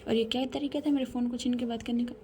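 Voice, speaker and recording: A woman's voice: on the high side, fairly even intonation, quick pace, darkish tone, a little hiss or hum, natural voice. A woman voicing a possessive young woman who speaks firmly and insistently. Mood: demanding. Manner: demanding, firm.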